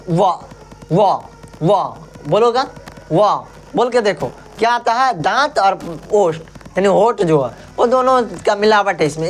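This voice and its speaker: A male teacher giving an exam-prep grammar lesson, saying sounds aloud and asking and answering his own questions. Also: high-pitched.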